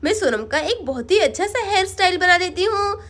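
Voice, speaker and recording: A woman voicing a gentle village woman who speaks in a soothing, coaxing way. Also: very high-pitched, animated, fairly quick.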